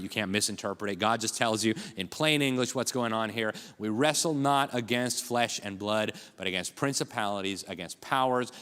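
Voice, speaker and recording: A man's voice: fairly low pitch, fairly bright tone. A man giving an urgent, emphatic conference speech, full of rhetorical asides to a live audience. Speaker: conference speaker. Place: large hall with audience. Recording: live talk in a reverberant hall.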